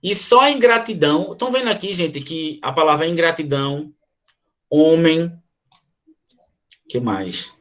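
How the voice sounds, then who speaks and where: A man's voice: on the high side, measured pace, pauses often. A Brazilian man teaching a literature class, explaining a sonnet and reading its verses aloud to his students. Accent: Brazilian Portuguese. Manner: animated, addresses students directly, reads verses aloud. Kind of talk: online class explaining a poem.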